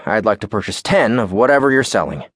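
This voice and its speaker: A man's voice: on the low side, very animated, fast talker, a bit bright, no echo. A male narrator voicing a tired young male reporter with a wry, dry humor.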